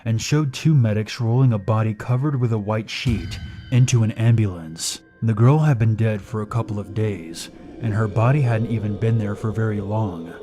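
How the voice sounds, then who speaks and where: A man narrating a scary personal story in a steady, measured way. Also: lowish voice, over music.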